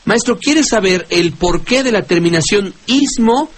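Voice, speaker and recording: A man with a Mexican Spanish accent, hosting a radio call-in show and reading out listeners' questions briskly. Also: high-pitched, expressive. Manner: brisk, reads out questions plainly. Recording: old radio recording with faint hiss.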